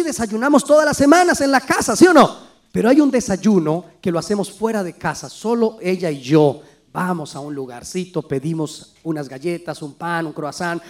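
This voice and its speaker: A middle-aged male pastor preaching a sermon, emphatic and lively, quizzing his congregation with call-and-response questions and acting out little everyday scenes. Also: sits high. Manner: acts out little everyday dialogues, occasional shouted emphasis.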